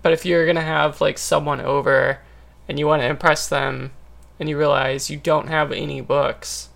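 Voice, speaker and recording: Gravelly man with dry jokes. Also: a little high, level tone, moderate pace, a bit bright. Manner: dry joking, rambling. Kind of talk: casual chat.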